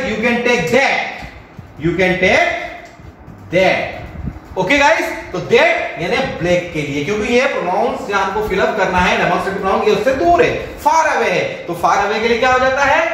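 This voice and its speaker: A man's voice: extremely high pitch, fairly bright tone. A man with an Indian accent teaching a grammar lesson, switching between English and Hindi, asking his pupils questions and answering them himself. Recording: very echoey room with faint noise.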